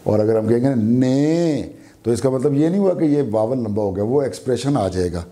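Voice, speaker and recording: A man's voice: medium pitch, expressive, moderate pace, warm tone. A man with a Pakistani Urdu accent teaching a beginner language lesson, repeating each word and its meaning.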